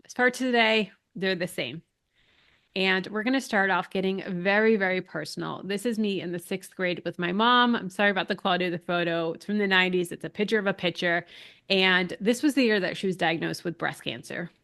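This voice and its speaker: Still a little nasal from a lingering cold, with a dry throat and some shortness of breath, this Massachusetts woman in her thirties runs a casual live webinar as an online business coach. She talks a little fast in a medium-pitched, fairly bright voice, staying chatty and upbeat as she greets viewers by name from the chat.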